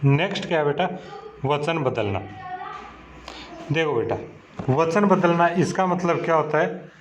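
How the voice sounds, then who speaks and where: In this dull, lo-fi recording with background noise, a man speaks a little high and a little slow. He is teaching children, working through a slow classroom explanation by asking questions and patiently, repetitively answering them himself.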